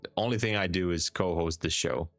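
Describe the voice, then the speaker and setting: Talking briskly in a low voice, a Hungarian-accented man chats calmly on a live stream, reading viewer comments and replying in an easygoing way. He repeats words for emphasis, faint music plays behind him, and there's no room sound.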